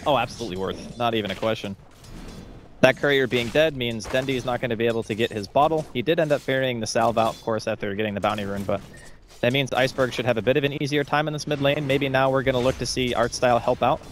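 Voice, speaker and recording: A man giving color commentary on an esports match, explaining strategy in a rapid, conversational way. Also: medium pitch, slight background noise. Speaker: esports analyst.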